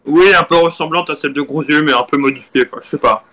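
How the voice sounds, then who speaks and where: A man's voice: on the high side, fast talker, crowd noise. A man in a live game role-play, speaking hesitantly with many fillers.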